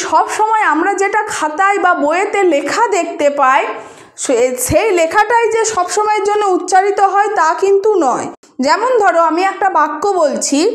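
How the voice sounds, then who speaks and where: Woman, very high voice, teacher explaining patiently, asks students questions, echoey room. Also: a bit bright. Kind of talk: spoken Bengali grammar lesson.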